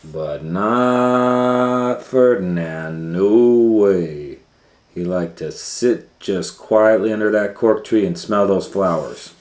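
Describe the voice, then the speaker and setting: A storytime reader and educator with a deep, darkish voice reads slowly to children, turning the story into a conversation with explanations and questions. It's an animated read-aloud full of asides, captured in an echoey room with a little background noise.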